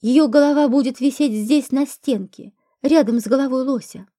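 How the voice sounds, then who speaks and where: A woman's voice: high voice, normal speed, warm tone. A woman voicing a drunk, vengeful man who makes coarse, menacing threats in an audiobook.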